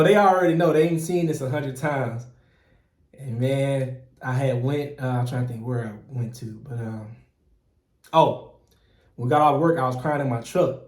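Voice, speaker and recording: A middle-aged man from Mississippi, giving earnest, animated advice as a channel host in casual talk. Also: mid-range voice. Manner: earnest and animated, frequent "man" and "you know", restarts, chuckles. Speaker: process operator and channel host. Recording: roomy echo.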